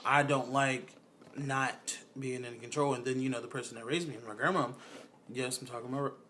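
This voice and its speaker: A man's voice: medium pitch, steady tone, moderate pace, a bit bright, a little hiss or hum. Profane young man in casual chat. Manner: loose, profane, laughs often. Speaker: podcast host.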